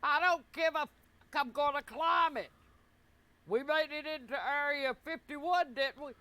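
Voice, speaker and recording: A profane, cranky granny of eighty; very high shrill pitch, ranting and defiant. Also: male voice, measured pace, bright, forceful tone, dry recording, full character voice. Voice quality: shrill cursing old-lady falsetto. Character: foul-mouthed cranky old granny, eighty. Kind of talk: comedic character skit.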